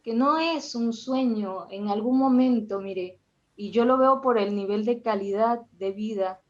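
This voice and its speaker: A woman in her forties from Venezuela with a Venezuelan accent, sharing a measured, hesitant comment as a participant. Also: a little high, lo-fi sound. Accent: Venezuelan Spanish. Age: 40s. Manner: measured, hesitant, with many fillers. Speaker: audience participant, accountant. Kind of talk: conversational comment.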